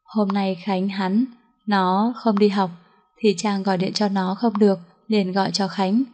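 A woman's voice: mid-range voice, a little slow. A woman reading a story aloud as an audiobook narrator, voicing every character in the same voice. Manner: reads all characters in one even voice.

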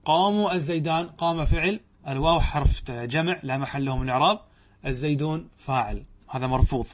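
A man's voice: on the high side, fairly quick, slight background noise. A man teaching a classroom grammar lesson, asking his students questions and stressing key words. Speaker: religious teacher.

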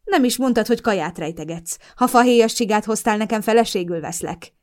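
A woman voicing a young man, a teasing boyfriend with a sharp, scornful edge, in an audiobook. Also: fairly high pitch, lightly acted. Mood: playful. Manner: teasing, then scornful and cutting.

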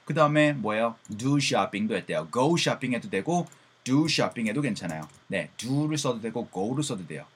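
A man, a native Korean speaker, gives a casual English pronunciation lesson, repeating phrases slowly and then explaining quickly. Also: medium pitch, lively intonation, slightly rough.

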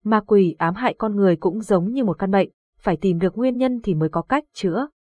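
A woman reading the lines of a calm, authoritative old exorcist in a horror audiobook, with a husky voice. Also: medium pitch, dry recording, narrow, tinny audio, natural voice. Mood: grave. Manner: measured, authoritative.

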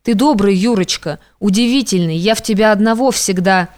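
A woman's voice: medium pitch, a little fast, a little mellow, natural voice. Woman voicing a tearful pleading young woman. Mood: timid. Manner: pleading, sobbing, timid. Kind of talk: audiobook reading.

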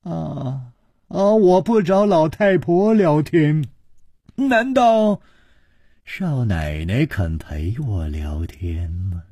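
A man's voice: a little high, big pitch swings, very slow, dark tone, breathy edge, no echo, studio quality, heavily acted. A male storyteller voicing a witty young swordsman hero who talks in a playful, teasing way with bursts of laughter.

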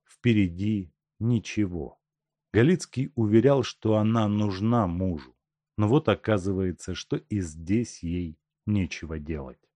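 A man narrating a classic novel in an expressive, dramatic reading. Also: on the low side, a little slow, no room sound. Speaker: audiobook narrator. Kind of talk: scripted narration.

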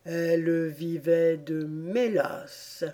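A woman voicing a drowsy male dormouse with a slow, dreamy, half-asleep drawl in an audiobook. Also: deep voice, steady tone, dark tone. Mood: sleepy. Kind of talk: audiobook character voice.

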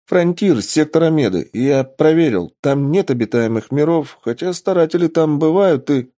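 A man's voice: lowish voice, animated, takes it slowly, mellow, slightly rough, no room sound, studio quality, exaggerated voice. A man doing a breathless, eager young lab assistant. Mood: excited.

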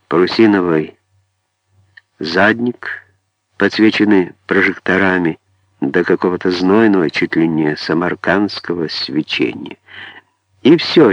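A man narrating a first-person memoir audiobook in a calm, ironic storytelling manner. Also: low-pitched, no echo, highs cut off.

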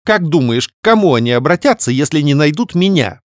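Guy doing a squeaky chirpy young sister, fast and wheedling, dry sound. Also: very animated, no room sound. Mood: pleading, cold. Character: bubbly scheming young woman, the sister.

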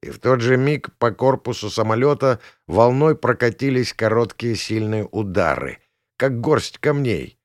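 A man reading a first-person audiobook in a gruff, colloquial way. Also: mid-range voice, lively intonation, a little slow, dry recording, studio quality. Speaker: audiobook narrator.

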